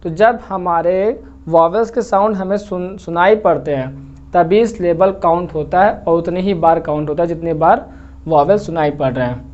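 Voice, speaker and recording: A man's voice: high-pitched, normal speed, darkish tone. Man teaching a lesson, lo-fi recording. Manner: explains patiently, repeating words and checking understanding. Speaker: English teacher. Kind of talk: classroom lesson. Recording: slightly dull lo-fi recording with faint noise.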